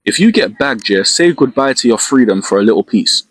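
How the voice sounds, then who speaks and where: A man's voice: medium pitch, lively intonation, brisk, dry recording. Young London man lecturing in slang. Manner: street slang, lecturing, emphatic. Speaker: social media creator. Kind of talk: casual advice monologue.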